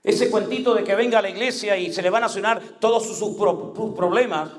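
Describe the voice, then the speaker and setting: A man's voice: high-pitched, a little fast, reverberant. A male pastor preaching an impassioned sermon, acting out the voices he quotes.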